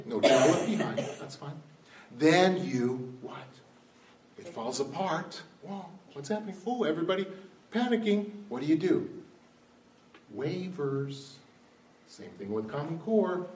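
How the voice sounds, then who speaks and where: A man's voice: a little high, a little mellow, slight background noise. A man giving an impassioned political talk to a live audience, firing rhetorical questions and climbing to emphatic peaks. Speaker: speaker addressing an audience. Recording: roomy hall, far-off mic, faint ambience.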